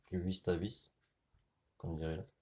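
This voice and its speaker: This French-accented man speaks low and flat, with a slightly mellow quality. A motorcycle mechanic, he runs an easygoing hands-on repair tutorial, talking to the viewer directly and repeatedly asking "tu vois." He keeps working while he explains, often stopping and picking the thread back up.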